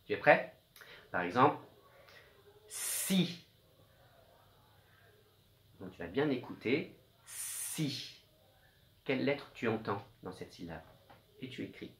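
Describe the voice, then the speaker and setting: A man teaching young children a spelling dictation, speaking gently and encouragingly and sounding out letters slowly. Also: fairly low pitch, expressive, roomy sound, a little hiss or hum. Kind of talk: slow, patient dictation lesson for young children.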